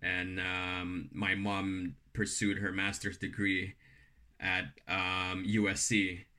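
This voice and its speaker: A man's voice: low-pitched, monotone, slow pace, bright, forceful tone. A man from Indonesia, a podcast guest, reminiscing in an easygoing way with many fillers. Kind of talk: casual conversation.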